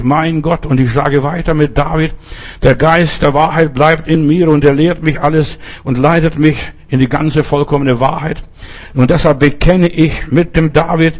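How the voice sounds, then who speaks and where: A man's voice: fairly high pitch, a little mellow. An older male preacher giving a sermon, speaking directly to his listeners with emphatic, repeated phrases.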